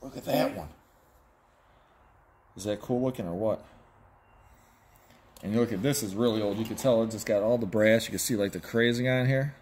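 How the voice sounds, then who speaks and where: Inside a large, cluttered workshop or warehouse, a middle-aged auctioneer and host handles items and comments in a playful, casual way, thinking aloud with frequent exclamations. His slightly mellow voice sits low, moves at a normal speed and pauses often. The noisy recording comes from a handheld phone camera a step or two away, with handling clicks.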